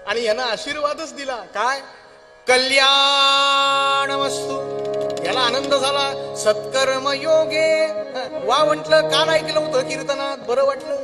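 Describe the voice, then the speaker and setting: A man performing a devotional kirtan, telling a story in an animated way with acted character voices and chanting scripture verses, in a large auditorium. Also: extremely high pitch. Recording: long hall reverb with faint instrumental music.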